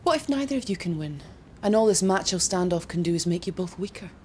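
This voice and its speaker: An actress playing a cool, sharp businesswoman in a television soap drama, brisk and cutting. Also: fairly low pitch, expressive, slight background noise, close to an everyday voice.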